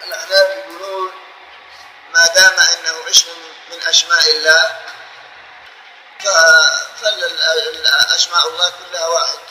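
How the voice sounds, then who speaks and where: A man's voice: on the high side, little pitch movement, sharp tone, roomy sound, soft background music, poor audio. A man giving a religious law lesson, explaining patiently and drawing out example phrases to illustrate them. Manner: explains slowly, repeats and drawls examples to show them. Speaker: teacher of Islamic law.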